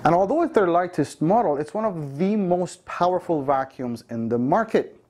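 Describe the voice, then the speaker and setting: A man's voice: high-pitched, expressive, moderate pace, darkish tone. Upbeat man demonstrating a vacuum. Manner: upbeat salesy explaining with fillers. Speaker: vacuum store presenter. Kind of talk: product demonstration. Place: dark studio showroom, indoors.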